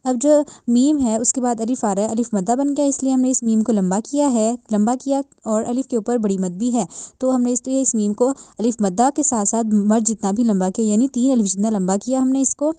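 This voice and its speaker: A patient woman teaching Quran recitation, explaining each letter's sound step by step. Her voice is fairly high but darkly mellow, recorded close and dry with no room around it. She repeats points and checks in often. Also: no room sound. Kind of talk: tajweed lesson with slow drawn-out recitation.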